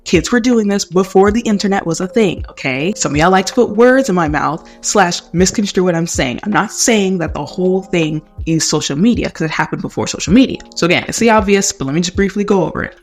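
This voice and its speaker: A man giving casual, conversational video commentary, recorded on a headphone microphone in a bathroom. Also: sits high. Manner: informal, conversational asides. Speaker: video host. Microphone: headphones used as a microphone.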